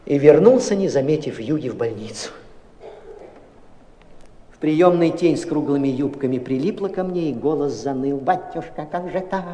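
A man giving a dramatic literary reading, expressive and tense, swinging between loud and hushed. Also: a little high, moderate pace, pauses often. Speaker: audiobook narrator. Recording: roomy, long reverb.

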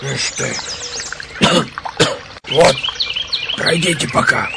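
An actor playing a wary, homely elderly man in a war drama, muttering haltingly and repeating his words. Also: medium pitch, gravelly, very noisy, exaggerated voice. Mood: gruff welcome. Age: older. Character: unshaven elderly partisan ferryman, wary, homely, fussing.

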